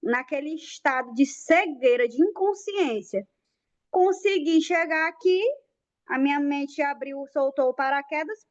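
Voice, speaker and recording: A woman's voice: high-pitched, lo-fi sound. A woman in a casual group discussion, telling personal stories in a chatty, self-mocking way. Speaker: study group member.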